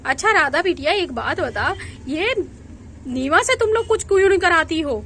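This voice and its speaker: A bossy village aunt, voiced by a woman with a sharp tongue, who scolds her husband and orders others out of her way. Her voice sits high and clear in a doll storybook telling. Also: lively intonation, normal speed, slight background noise, full character voice.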